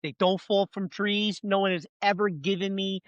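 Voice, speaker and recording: Joking male podcast host, slightly high voice. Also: steady tone, moderate pace, no room sound, dull audio. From Brooklyn, New York. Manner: joking, self-mocking banter. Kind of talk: casual podcast interview.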